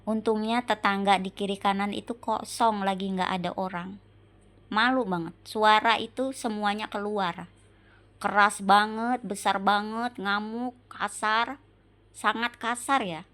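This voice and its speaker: A woman in an emotional monologue to her husband, slow and repetitive, pleading with rhetorical questions. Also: medium pitch, fairly bright tone. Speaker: wife venting on camera.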